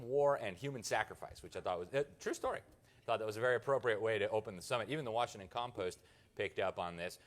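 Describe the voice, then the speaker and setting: A man's voice: fairly low pitch, a bit bright. A man from the United States giving a conference speech, with mocking, sarcastic asides. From United States (Miami). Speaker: journalist giving a conference talk.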